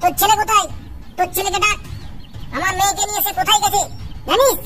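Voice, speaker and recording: Angry cartoon villager, shrill and rapid woman voicing, over loud music. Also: steady tone. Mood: furious. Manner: shouting, threatening, rapid. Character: furious loud adult village man, threatening.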